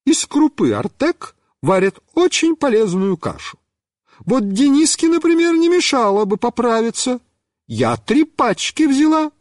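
A man voicing a fussy middle-aged woman neighbor with a shrill, squealing voice, huffing and boiling over with indignation. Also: wildly swooping pitch, a little slow, a little mellow, dry recording, studio quality, full character voice. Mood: businesslike.

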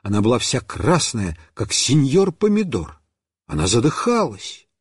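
Lively man reading a children's story. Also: mid-range voice, unhurried, husky, dry recording, studio quality. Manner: lively, animated, playful. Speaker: reader.

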